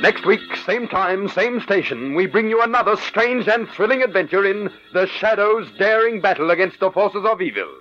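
An old-time radio announcer, a man with a high-set voice, delivers formal, dramatic scripted narration. Loud music plays behind him on a dull, vintage radio recording. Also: expressive, normal speed, hardly any pauses.

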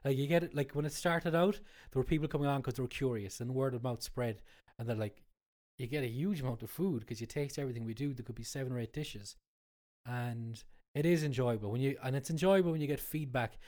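A man's voice: medium pitch, fast, darkish tone. An Irish man with a Cork accent and a stuffy nose from a cold, explaining things in casual conversation, often repeating his points. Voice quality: congested, stuffy-nosed from a cold. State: has a cold. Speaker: cook and cookery class instructor, guest.

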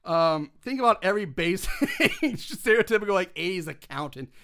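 Man, movie recap podcast, casual chatter, high voice, bright tone. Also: very animated, moderate pace. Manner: chatty, laughs often, swears casually, many fillers.

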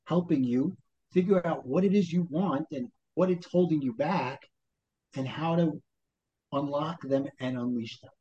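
Male life coach, Brooklyn accent, fairly high pitch, motivational and full of rhetorical questions, lo-fi interview sound. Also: unhurried, mellow. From Brooklyn, New York. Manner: motivational, talks in rhetorical questions and acted-out self-talk. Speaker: life coach, podcast guest. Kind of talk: conversational interview explanation.

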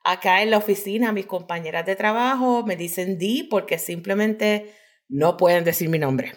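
Speaking with a Puerto Rican accent, this middle-aged woman from Puerto Rico recounts her life as a guest in an interview, casually dropping English phrases into Spanish. She works as a pediatric dental hygienist, and her mid-range voice moves at a moderate pace.

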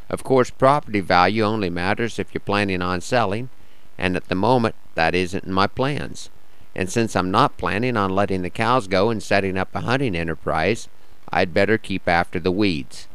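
An American man with a slightly rough, worn-out morning voice, hosting a radio show with wry, understated folksy storytelling and verse. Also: low voice, fairly bright tone, no room sound, rough recording. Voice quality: a little rough and croaky. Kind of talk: scripted folksy monologue with cowboy poetry.

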